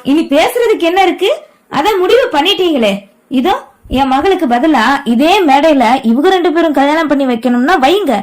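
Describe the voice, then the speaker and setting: A woman voicing a furious middle-aged father who shouts bitterly at his relatives. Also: high-pitched, lively intonation, a little fast, voice pushed up. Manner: angry, shouting.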